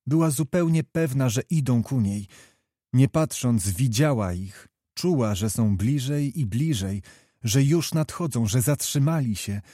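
A man reading a classic novel aloud in measured, even audiobook narration. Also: medium pitch, dry recording, studio quality.

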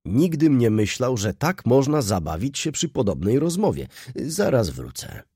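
A man voicing an excitable, boisterous older aristocrat who speaks in loud exclamations. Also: sits low, measured pace, husky, dry recording, studio quality, full character voice. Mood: excited.

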